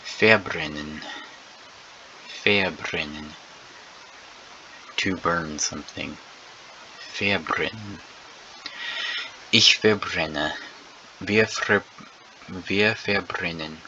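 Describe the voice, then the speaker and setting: A man teaching a lesson, drilling verb conjugations word by word and repeating each one deliberately, with an occasional slip. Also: low-pitched, bright, forceful tone, lo-fi sound, a little hiss or hum. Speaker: language teacher.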